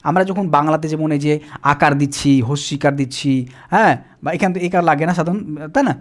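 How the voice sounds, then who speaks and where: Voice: mid-range voice, fast. A teacher giving a whiteboard lesson, explaining step by step, often asking questions and answering them himself. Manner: asks questions and answers them, repeats "ঠিক আছে?". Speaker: Quran reading teacher.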